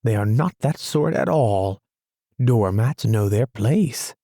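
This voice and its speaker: A man's voice: mid-range voice, very animated, unhurried, warm tone, dry recording, studio quality, pitched above the performer's own voice. A man voicing a fussy, literal-minded male mole in a storybook reading, with a prim, pettish manner.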